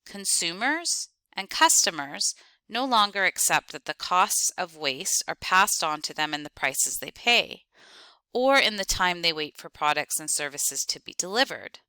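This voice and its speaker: A woman lecturing on accounting, reading out terms, definitions and lists in clipped, deliberate steps. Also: lowish voice, sing-song, sharp tone, clean tone, no room sound. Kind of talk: reading lecture slides aloud.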